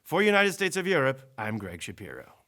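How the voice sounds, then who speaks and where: A man delivering a satirical comedy news monologue, sardonic, with punchy deadpan punchlines. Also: mid-range voice, brisk.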